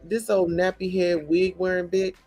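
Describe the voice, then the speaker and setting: A man's voice: high voice, flat delivery, moderate pace, darkish tone, soft background music. A man ranting in a blunt, profane, preachy commentary reacting to a show.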